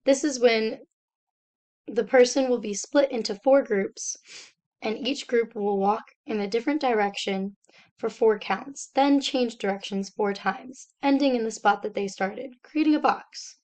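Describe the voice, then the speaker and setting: Young woman, student presenter, reading slides aloud, steady explanatory delivery, a little high-pitched. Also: measured pace.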